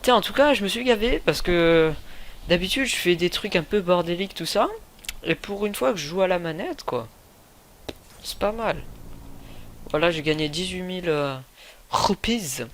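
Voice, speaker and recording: A man giving casual gameplay commentary, excitable, yelling and swearing at the game between joking asides. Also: high voice, moderate pace, pauses often. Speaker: gaming YouTuber.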